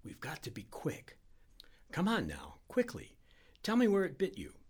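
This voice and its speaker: A man playing a flustered man rushing to a sick friend's bedside, firing off quick worried questions. his voice is husky and jumps about in pitch, as in a spoken storybook. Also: huge pitch swings, fairly bright tone, heavily acted. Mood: alarmed. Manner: hurried and worried. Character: alarmed man, the narrator, at a sickbed.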